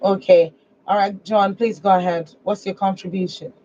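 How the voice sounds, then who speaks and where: A woman's voice: medium pitch, steady tone, normal speed, warm tone. A woman with a Nigerian accent hosting a conversational phone-in advice show on the radio. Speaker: radio call-in show host. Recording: dull lo-fi broadcast with noise.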